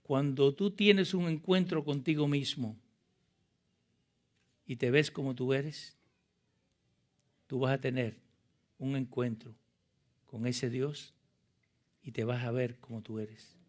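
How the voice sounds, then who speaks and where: A man's voice: mid-range voice, takes it slowly, long pauses, a little mellow. A male pastor preaching a sermon with passion, asking the congregation rhetorical questions and reading scripture aloud.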